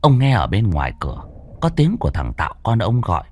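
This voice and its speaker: A man's voice: wildly swooping pitch, a little fast, darkish tone. Theatrical male horror storyteller. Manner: theatrical, swinging pitch widely for effect. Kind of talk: dramatic horror story narration.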